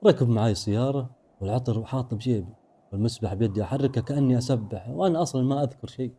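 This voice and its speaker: Male storyteller, fast dramatic narration, dark mellow tone. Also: medium pitch, slightly rough. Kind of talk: first-person horror story narration.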